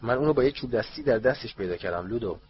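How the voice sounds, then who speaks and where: A man's voice: medium pitch, expressive, a little hiss or hum, close to an everyday voice. A man voicing an eager, self-assured middle-aged wizard official who talks insistently, on a dull lo-fi recording. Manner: insistent, raises voice to a shout.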